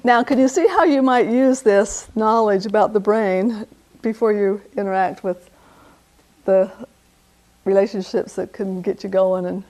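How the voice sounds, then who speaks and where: A woman's voice: medium pitch, measured pace, darkish tone. An older woman giving a conversational lecture on parenting, acting out little bits of dialogue between parent and child. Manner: conversational, fillers, acts out quoted dialogue. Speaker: parenting speaker.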